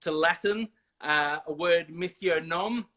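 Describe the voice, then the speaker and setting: Bright-voiced man explaining with pauses. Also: fairly high pitch. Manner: explains with many ums and restarts. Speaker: missions guest. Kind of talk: casual video chat.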